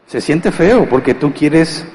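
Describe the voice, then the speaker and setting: A man's voice: on the high side, lively intonation, takes it slowly, a little mellow. Man preaching in an echoing hall. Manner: conversational, asks rhetorical questions and answers them; acts out household scenes with humor. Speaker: pastor. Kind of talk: sermon. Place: church.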